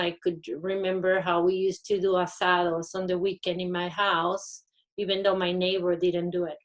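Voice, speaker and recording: A middle-aged woman from Venezuela, telling her story as a panelist. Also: fairly low pitch. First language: Spanish. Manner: reflective, personal storytelling. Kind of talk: panel discussion.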